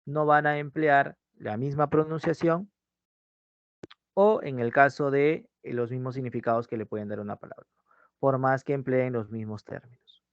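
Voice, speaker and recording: A man's voice: mid-range voice, normal speed, clean tone, no echo. A man giving an online pre-university language class, often repeating his key phrases and checking in with "¿sí?". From Peru. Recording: dull, dry lo-fi mic sound.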